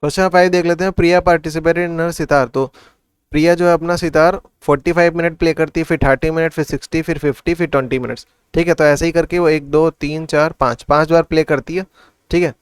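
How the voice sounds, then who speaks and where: Maths tutor, male, slightly high crisp voice, talks through sums in Hindi-English, dry close recording. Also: fairly even intonation, fast, no echo. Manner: asks and answers his own questions. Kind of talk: casual classroom explanation.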